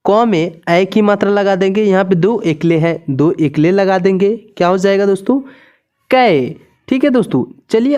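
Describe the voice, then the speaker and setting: A woman's voice: medium pitch, dark tone. A woman teaching a step-by-step lesson, patient and repetitive, often asking her viewers questions and answering them herself. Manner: patient, repeats each point with "friends" and questions.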